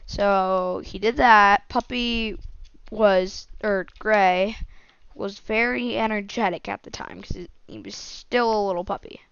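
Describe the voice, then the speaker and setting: A woman telling a made-up adventure story on a podcast, rambling from one event to the next, in a smooth voice with some creak. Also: mid-range voice, a bit bright, dry recording. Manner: rambling, strings events with "and then". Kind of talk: improvised story narration. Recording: dull lo-fi dry recording.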